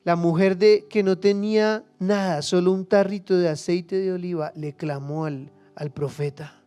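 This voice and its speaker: A male pastor delivers a passionate sermon in a high, smooth, resonant voice. He acts out prayers and Bible figures, swinging from hushed asides to loud cries, with faint music underneath. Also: fairly even intonation, normal speed.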